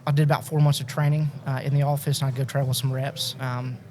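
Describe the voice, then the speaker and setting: A man's voice: mid-range voice, flat delivery, fast talker, darkish tone. A man talking casually as a guest on a podcast. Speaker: sales rep, podcast guest. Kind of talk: casual chat. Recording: faint room noise.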